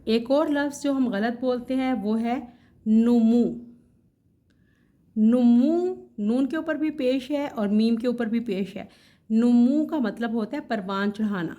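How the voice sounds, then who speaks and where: A woman with a slightly higher voice gives a vlog lesson on correct pronunciation. She spells out words letter by letter in a careful, measured way. Now and then she corrects herself with a casual aside. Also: mellow. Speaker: Urdu language teacher.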